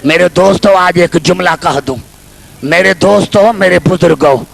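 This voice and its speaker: A man's voice: high-pitched, normal speed, creaky. A man giving a Muharram mourning sermon in an impassioned, wailing voice with repeated cries. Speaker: Muharram orator. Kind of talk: Shia majlis sermon.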